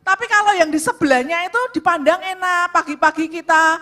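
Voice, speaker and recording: Loud, bright-voiced woman preaching. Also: very high-pitched, a little fast. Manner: loud, emphatic, addresses audience repeatedly. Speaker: co-speaker at a church revival on marriage. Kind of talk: sermon-style talk to a congregation.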